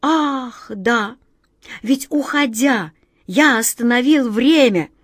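Brief: woman doing kindly scatterbrained wizard, soft and teasing, lively. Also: mid-range voice, a little slow, no room sound, studio quality. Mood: gentle. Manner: gentle, teasing. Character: kindly, absent-minded male wizard.

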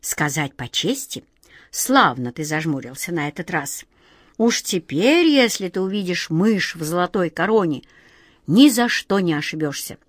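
A woman reading a storybook and voicing a kindly, sly auntie who talks slowly and coaxingly. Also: lowish voice, expressive, no echo, studio quality. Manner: slow, drawn-out, fond coaxing tone.

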